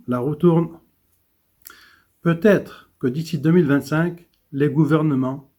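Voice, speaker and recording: A man's voice: a little high, a little mellow, slightly rough. A man reading economic and environmental news commentary, with small stumbles and restarts.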